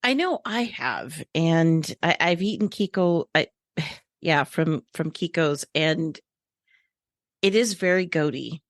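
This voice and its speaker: A woman with a notably low voice, hosting a relaxed interview and chatting freely, with frequent laughs and emphatic opinions. The recording is dry and close. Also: takes it slowly, no room sound. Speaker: podcast host. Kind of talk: casual interview conversation.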